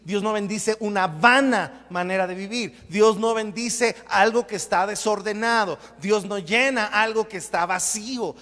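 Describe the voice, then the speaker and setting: High-voiced preaching man in a reverberant hall. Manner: emphatic, repetitive preaching with sudden loud bursts. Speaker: pastor. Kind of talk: sermon.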